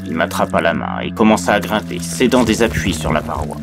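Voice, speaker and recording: A man's voice: low voice, lively intonation, brisk. A man reading a first-person horror story in a dramatic storytelling style. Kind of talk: creepypasta narration. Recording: narration over loud music.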